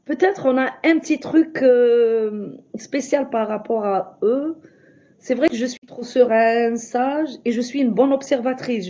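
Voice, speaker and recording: A woman whose first language isn't French speaks it with a foreign accent, talking casually and from the heart in an online group, pausing to find her words. Her voice is a little high with a dark tone, and the audio sounds dull.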